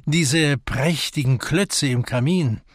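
A man voicing a breezy, cheerful young man in an audiobook, slow and dry. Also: fairly high pitch, no room sound, pitched above the performer's own voice.

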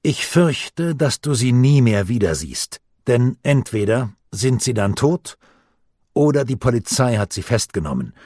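A man's voice: mid-range voice, very animated, unhurried, darkish tone, husky, no room sound, clean studio sound. A man voicing a stern lecturing uncle. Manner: firm, commanding, lecturing. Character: stern middle-aged uncle lecturing his nephew.

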